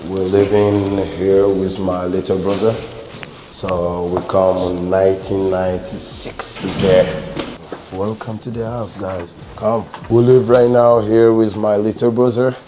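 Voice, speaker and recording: Man, bar owner and musician, rather low voice, playful and excitable, broken English. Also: measured pace, background noise. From France. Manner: playful, excitable, mixes in French. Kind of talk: casual chat in broken English.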